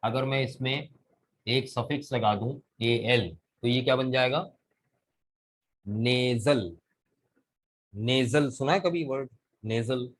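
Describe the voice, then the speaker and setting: A man's voice: medium pitch, slow pace, pauses often, slight background noise, rough recording. Pakistani man teaching an online class. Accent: Pakistani Urdu. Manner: explains step by step, asks students questions. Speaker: English vocabulary teacher. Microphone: video call.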